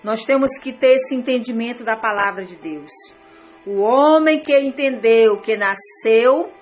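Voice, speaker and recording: A woman's voice: a little high, measured pace, faint music behind. A woman pastor with a Brazilian Portuguese accent, preaching a sermon earnestly, repeating phrases and calling her listeners beloved.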